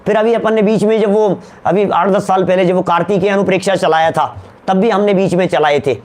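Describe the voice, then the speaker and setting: A man a notably high voice teaches a religious lecture. He repeats key terms, slows down to drive them home and keeps putting questions to his listeners. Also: fairly even intonation, a little mellow. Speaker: Jain scholar giving a discourse.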